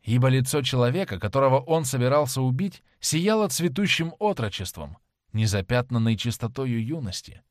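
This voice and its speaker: A man giving a dramatic, expressive scripted narration of a novel into a close mic. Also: medium pitch, normal speed, dry recording. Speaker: audiobook narrator.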